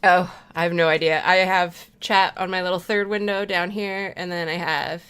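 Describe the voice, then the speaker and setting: A woman's voice: on the low side, steady tone, moderate pace, a bit bright, clear, resonant tone. A woman streamer chatting casually while playing a game, rambling, swearing freely and laughing often. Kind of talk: casual chat while gaming.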